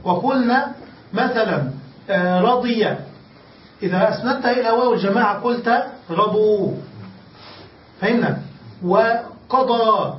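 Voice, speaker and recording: A man teaching Arabic grammar as a sheikh, explaining step by step, drawing out key words and often checking that the class has understood. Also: sits high. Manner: stretches key words slowly for emphasis. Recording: distant, echoey, dull lo-fi room recording with faint hiss.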